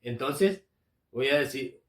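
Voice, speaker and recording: A man's voice: mid-range voice, expressive, slow, a bit bright. A man from Argentina teaching an English grammar lesson, hesitant and repeating himself often, with frequent filler sounds. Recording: echoey room.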